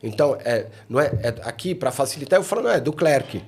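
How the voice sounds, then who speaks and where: A man's voice: mid-range voice, big pitch swings, rapid-fire, breathy edge. A middle-aged man from Chile, a mountaineering guide chatting as a podcast guest, often ending phrases with tag questions. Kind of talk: casual podcast conversation.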